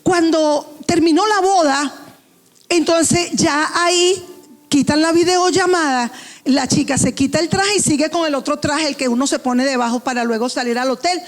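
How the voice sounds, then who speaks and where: A woman pastor preaching a sermon, telling a story with quoted dialogue in a passionate, emotional way. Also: sits high.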